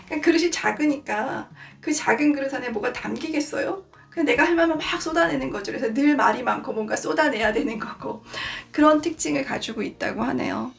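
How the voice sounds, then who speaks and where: A woman's voice: high-pitched, fairly quick, creaky, hardly any pauses. A woman in her forties hosting a book channel, talking candidly and confessionally about a book and her own parenting. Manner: candid, confessional, acts out quoted dialogue. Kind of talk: casual reflective book talk. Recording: soft background music.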